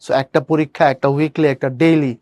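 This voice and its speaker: A man's voice: on the high side, little pitch movement, fast talker, a little mellow, dry recording, studio quality. A young man teaching an online admission class, talking casually and asking students questions. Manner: casual, chatty, addresses students directly, asks them questions. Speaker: university admission tutor.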